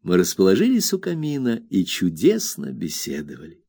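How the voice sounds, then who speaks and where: A man narrating an audiobook in an expressive storytelling manner. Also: low voice, moderate pace, vocal fry, breathy edge. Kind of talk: scripted narration.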